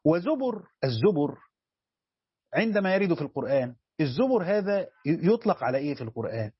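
Husky Egyptian sheikh quizzing his students. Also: a little high, sing-song, a little fast, no echo. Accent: Egyptian Arabic. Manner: quizzing, repeats key phrases. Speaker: sheikh teaching Quran commentary. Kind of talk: classroom lesson with questions to students. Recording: dull lo-fi recording.

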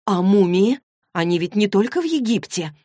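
A stubborn, quick-to-panic teenage girl, as a woman reader puts her on, pitched higher and more emphatic than the narration. The sound is dry and close, with no room around it. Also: very animated, dark tone, no room sound. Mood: sarcastic, defiant. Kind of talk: audiobook character voice.

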